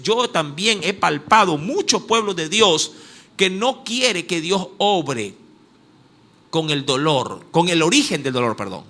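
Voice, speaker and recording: Emphatic Ecuadorian male pastor preaching, high bright voice, very lively delivery. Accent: Ecuadorian Spanish. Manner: emphatic, repetitive, addresses listeners as "my beloved". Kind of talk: sermon.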